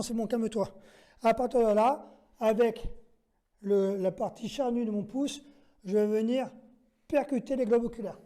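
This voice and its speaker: A man's voice: sits high, warm tone. A man instructing self-defense who walks through each move step by step, counts out the moves and gives short commands to a training partner. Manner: methodical, counts out moves and checks in with "d'accord?". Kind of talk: demonstration lesson.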